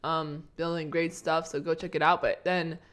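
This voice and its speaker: A woman's voice: sits low, level tone, normal speed, fairly bright tone. A young woman chatting casually on a live stream, meandering and talking to herself while she eats breakfast at her desk.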